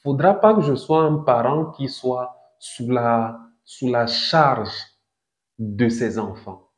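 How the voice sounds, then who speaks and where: Slow, deliberate man in his thirties. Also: medium pitch. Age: 30s. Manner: slow and deliberate, with emphatic rises on key points. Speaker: crypto channel host. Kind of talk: didactic talk. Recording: echoey room, dull lo-fi sound.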